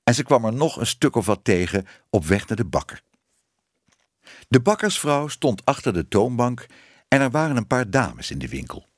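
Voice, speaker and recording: Male audiobook narrator for children's fiction, animated delivery, dry booth sound. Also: medium pitch, moderate pace, no room sound. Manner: expressive, varied reading. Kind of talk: scripted narration of a children's book.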